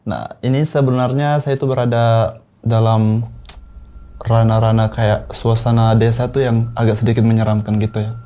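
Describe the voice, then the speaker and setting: A man in his twenties from South Sulawesi, telling a horror story in a relaxed, unhurried way with many pauses. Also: medium pitch. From South Sulawesi, Indonesia. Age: 20s. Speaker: guest storyteller.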